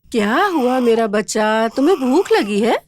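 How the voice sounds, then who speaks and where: A woman playing a cruel stepmother in a family drama, talking in a harsh, shrill way. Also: sing-song, moderate pace, a bit bright, a little hiss or hum. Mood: cooing. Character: cruel, scolding stepmother of a young girl. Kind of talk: Hindi family drama acting.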